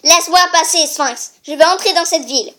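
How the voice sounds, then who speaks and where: A young girl voicing a brash young prince who declaims loudly and boastfully. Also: very high voice, fairly quick. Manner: loud declaiming.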